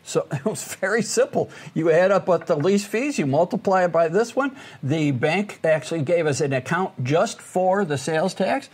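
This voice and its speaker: A man co-hosting a podcast in casual chat, earnest and quick to laugh. His voice sits a little high for a man and has a husky edge. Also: animated. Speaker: podcast co-host.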